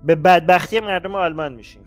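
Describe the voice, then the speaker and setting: A man's voice: high voice, faint music behind. Blunt, heated male commentary host. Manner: blunt, exasperated, rising heat. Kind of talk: reaction commentary on clips.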